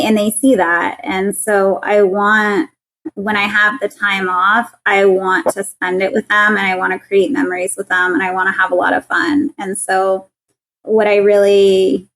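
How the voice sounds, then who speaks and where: This woman is in her thirties but sounds young, with an ordinary mid-range pitch and a fairly bright tone on a rough recording. A patent attorney appearing as an interview guest, she talks earnestly and conversationally, laughing often and restarting her words.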